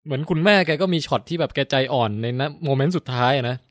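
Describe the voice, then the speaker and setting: A man chatting casually about a TV series, retelling scenes in an animated way. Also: mid-range voice, quick pace, no room sound, clean studio sound. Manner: animated storyteller, acts out lines. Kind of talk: casual chat reviewing a TV series.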